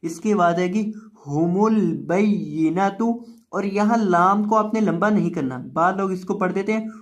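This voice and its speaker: In this Qaida lesson, a teacher of Quran reading stretches each syllable out slowly, then picks up the pace to go over the rules. The voice sits in the mid range.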